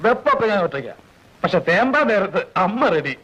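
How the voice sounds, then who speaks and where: A man's voice: high voice, big pitch swings, fairly quick, fairly bright tone, husky, lo-fi sound, exaggerated voice. An actor playing a chatty, boastful young man who rambles on about cooking for his mother in a comedic film scene.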